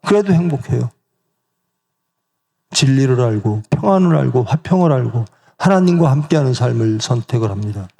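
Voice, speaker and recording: Gravelly, lively male pastor preaching. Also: medium pitch, fairly quick, hardly any pauses. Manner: rhetorical questions to the congregation, acting out quoted voices. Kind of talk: sermon. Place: church sanctuary.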